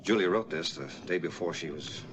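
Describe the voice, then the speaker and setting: A male actor plays a plain-spoken rancher and concerned brother in a mid-century suspense drama. His low voice is steady and courteous, with a reasoning, straightforward delivery. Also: a little fast, very noisy, lightly acted. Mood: polite, steady.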